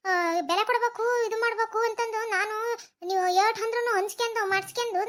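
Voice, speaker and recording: A very high, bright cartoon voice of a defiant young village wife, as a woman plays her. She scolds in a North Karnataka Kannada accent and never backs down. Her retorts are quick and sharp. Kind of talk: cartoon comedy voice acting.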